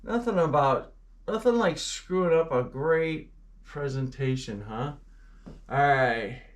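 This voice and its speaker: A man's voice: fairly high pitch, expressive, takes it slowly. A man casually walking through a weather forecast, chatty and playful, tossing out goofy exclamations and fumbling aloud with his maps.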